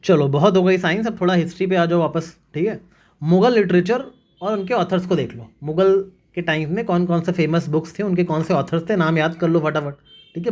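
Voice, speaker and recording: A man's voice: on the high side, muffled recording. A man teaching an exam-prep revision lesson, drilling facts with mnemonics and repeating "remember this" and "okay" often. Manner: brisk, repetitive drilling with frequent "याद रखना" and "ठीक है".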